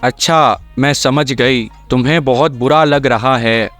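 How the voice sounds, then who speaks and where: Scheming young sorceress, read by a male narrator, calm persuasion, clean voice, soft music behind. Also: medium pitch, unhurried, close to an everyday voice. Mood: persuasive.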